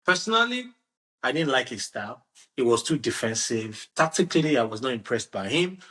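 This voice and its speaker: A man hosting a casual football discussion, animated and restarting his sentences often. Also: medium pitch, brisk. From Nigeria. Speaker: podcast host.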